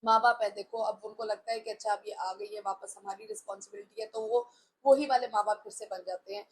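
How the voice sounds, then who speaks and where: A woman's voice: mid-range voice, expressive, brisk, gravelly, rough recording. A woman in her forties talking candidly about her own life, mixing English phrases into her Hindustani speech. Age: 40s. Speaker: talk show host. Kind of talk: personal reflective talk.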